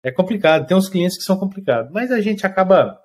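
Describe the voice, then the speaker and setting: A man from Brazil, a food truck chef, talks very quickly in an easygoing interview. His voice sits a little high for a man. He tells his stories with gusto, acting out customers and checking in with "you get it?". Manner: lively storyteller, acts out customers, keeps asking "entendeu?". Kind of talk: casual interview chat.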